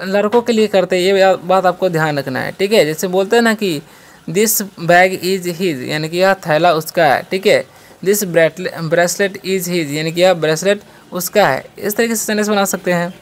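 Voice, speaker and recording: A teacher giving a beginner language lesson who spells out each word letter by letter. The teacher quizzes listeners with repeated questions and answers, and says each example sentence slowly and carefully. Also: medium pitch. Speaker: English teacher.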